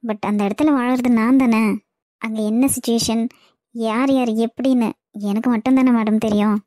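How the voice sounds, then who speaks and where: A woman voicing a worried young pregnant wife in a cartoon, talking softly and resignedly, with a Kanyakumari Tamil accent. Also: a little high, steady tone, moderate pace, no echo, clean studio sound, close to an everyday voice.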